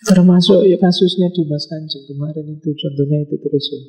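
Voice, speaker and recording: A man's voice: fairly high pitch, steady tone, a little fast, darkish tone, poor audio. A middle-aged man giving a casual philosophy lecture, chatting with students and acting out quoted dialogue. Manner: conversational, acts out quoted dialogue.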